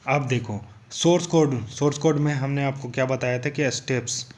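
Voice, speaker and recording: A man's voice: mid-range voice, moderate pace. Young guy teaching coding basics, chatty and repetitive, keeps saying okay guys. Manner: repetitive, loose, filler "thik hai" and "guys". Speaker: programming tutor. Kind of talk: casual tutorial explanation.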